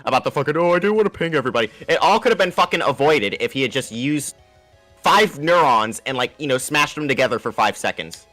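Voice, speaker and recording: A man's voice: medium pitch, expressive, brisk, sharp tone, soft background music. A man ranting and swearing in a casual group voice chat.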